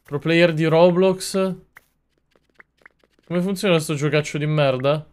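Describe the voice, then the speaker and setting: A young man commenting on a video game as a streamer, swearing a lot, mocking himself and bursting into loud yells. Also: a little high, slow, clean tone. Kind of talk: gaming commentary.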